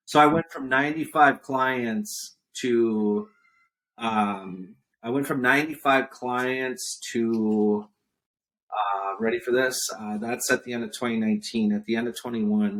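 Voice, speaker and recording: An entrepreneur in his forties, guesting on a podcast interview, talks casually in a lowish, fairly bright voice over poor audio. He's emphatic, repeats points for effect, and coughs now and then.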